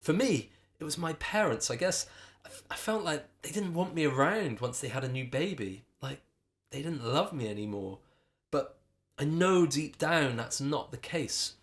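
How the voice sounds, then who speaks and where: A man's voice: on the high side, expressive, moderate pace, natural voice. A brave young girl speaks up earnestly, her voice lifted and full of movement, as a man reading aloud puts her on. She sounds firm and heartfelt, a storybook heroine. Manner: earnest, pleading then firm.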